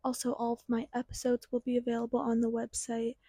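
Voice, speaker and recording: A woman's voice: fairly high pitch, completely flat delivery, quick pace, warm tone, slightly rough, no room sound, clean studio sound. Teenage girl, slightly lisping through a retainer. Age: teens. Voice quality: slight lisp from wearing a retainer. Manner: informal, chatty. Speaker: podcast host. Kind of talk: casual podcast introduction.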